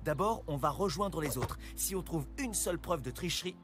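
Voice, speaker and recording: A man playing an earnest basketball coach in an animated series, calm and encouraging as he explains things step by step. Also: a little high, moderate pace, close to an everyday voice. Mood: calm, reassuring. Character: earnest, reassuring adult male basketball coach. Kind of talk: French animated series dubbing. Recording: music under the voice.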